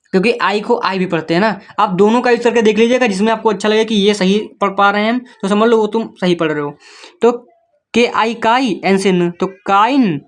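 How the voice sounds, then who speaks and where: Patient man spelling words out. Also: high-pitched. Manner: patient, spells words letter by letter, keeps checking in with the listener. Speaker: English reading teacher. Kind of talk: step-by-step spoken lesson.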